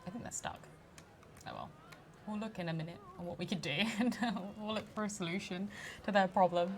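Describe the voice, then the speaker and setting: A woman giving casual let's play commentary as she builds a park, chatty and quick to laugh. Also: lowish voice, slight background noise. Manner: chatty, laughs often, mock-outraged at park guests. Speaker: community manager streaming a game.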